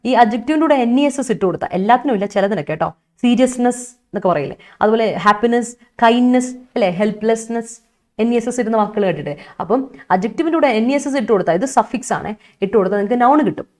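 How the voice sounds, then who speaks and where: A young woman with a Malayali accent teaching English vocabulary in an online exam-prep lesson, chatty and coaxing, repeating key points. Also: on the high side.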